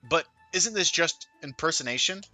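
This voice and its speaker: A man's voice: on the high side, expressive, normal speed, pushed and bright, soft background music, pitched above the performer's own voice. Nervous schoolboy, read by a man, blurting, exasperated, slightly raised voice.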